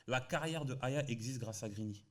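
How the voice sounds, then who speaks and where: A man from France, a podcast guest, telling a story in lively, slangy casual chat. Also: mid-range voice, normal speed.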